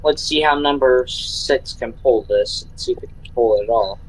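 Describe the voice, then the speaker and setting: A man's voice: medium pitch, normal speed, poor audio. A man with a Southern US accent talking casually while he plays a train game, thinking aloud as he works through each step. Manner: thinking aloud, narrating his own moves. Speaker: streamer running a freight train. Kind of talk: casual gameplay chat.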